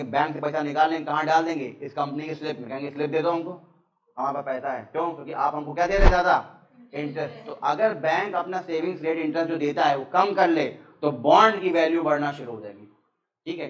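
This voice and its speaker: Male teacher, Indian accent, question-led lecture style; slightly high voice, distant muffled mic in an echoey classroom. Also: quick pace. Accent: Indian English. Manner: explains with questions, addresses students as "beta".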